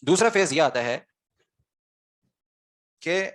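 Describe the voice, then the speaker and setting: A slightly high, somewhat bright male voice with lively intonation leads an online Arabic grammar lesson. He explains methodically, asking students questions and then answering them himself.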